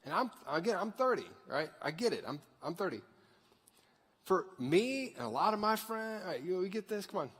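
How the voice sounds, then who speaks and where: A man's voice: sits high, very animated, moderate pace, a bit bright, breathy edge. A man of thirty preaching a conversational sermon to a church crowd and asking them to raise their hands. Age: 30s. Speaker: pastor. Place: large church sanctuary. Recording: long hall reverb.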